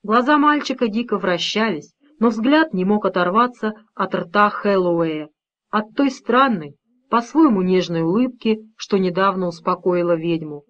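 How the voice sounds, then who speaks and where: A woman narrates a novel in a measured, expressive way at a medium pitch. The recording is slightly dull and lo-fi. Her reading is steady and clear. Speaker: audiobook narrator. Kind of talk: scripted narration.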